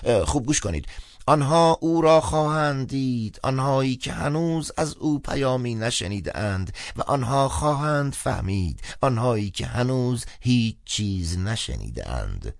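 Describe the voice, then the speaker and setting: A man's voice: very animated, vocal fry, dry recording. A man voicing a garrulous old male theologian servant who lectures and chuckles slyly, in a dry studio narration. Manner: lecturing, chuckling, speaks with raised pitch.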